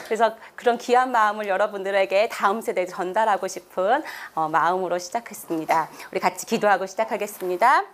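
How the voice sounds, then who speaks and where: A middle-aged woman missionary giving a sermon in a church, animated, telling stories and quizzing the congregation. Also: mid-range voice, brisk, few pauses. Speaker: missionary preacher. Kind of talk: sermon with prayer and congregation call-and-response. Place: church sanctuary.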